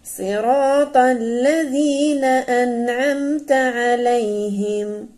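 A woman student recites scripture in a measured chant. Her high voice moves very slowly and sounds mellow, with faint music behind her. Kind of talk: slow melodic Quran recitation.

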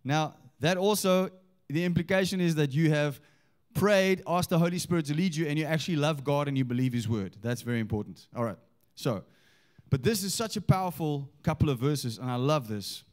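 Guy preaching in church, voice on the high side, punchy, keeps asking the crowd stuff. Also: expressive, a little mellow. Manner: emphatic, engaging the congregation with questions; reads scripture slowly and with weight. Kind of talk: sermon.

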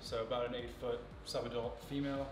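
A young man in his twenties casually showing and explaining snakes in an indoor reptile room, relaxed and knowledgeable, with many fillers. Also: medium pitch, fast talker, distant mic. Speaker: facility owner giving a tour. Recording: echoey room, off-mic, music behind.

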